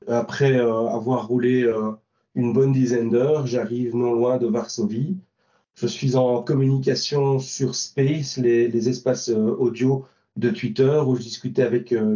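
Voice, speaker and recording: Man, mellow voice, hesitant storytelling, far from mic, lo-fi. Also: medium pitch. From Belgium. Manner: hesitant, many fillers and restarts. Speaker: volunteer driver recounting trip. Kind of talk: interview answers, recounting. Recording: distant, roomy, dull lo-fi sound.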